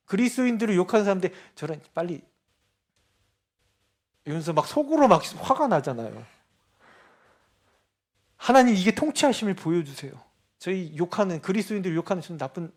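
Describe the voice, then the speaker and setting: A man with a high voice preaches a sermon in church. He keeps turning to the congregation with rhetorical questions, drops to quiet, low asides, then climbs into loud, insistent declarations. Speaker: pastor.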